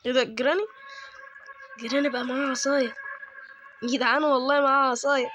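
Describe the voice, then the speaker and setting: A man's voice: very high voice, flat delivery, fast talker, music in the background. A man with an Egyptian Arabic accent doing let's-play horror game commentary, chatty with viewers and yelping at sudden frights. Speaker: gaming YouTuber.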